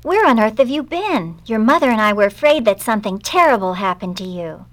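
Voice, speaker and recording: A kind rabbi father from a storybook, as a woman reader puts him on. He speaks calmly and reassuringly, firm but gentle. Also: mid-range voice, moderate pace, natural voice. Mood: alarmed.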